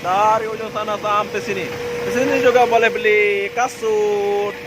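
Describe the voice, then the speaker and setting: High-voiced chatty man in loud street noise. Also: steady tone, normal speed. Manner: chatty and informal, often addressing listeners and vendors as boss or brother. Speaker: vlogger, host. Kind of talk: casual walking market tour vlog. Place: busy outdoor night market. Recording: very noisy outdoor street ambience. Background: loud vehicle and street noise.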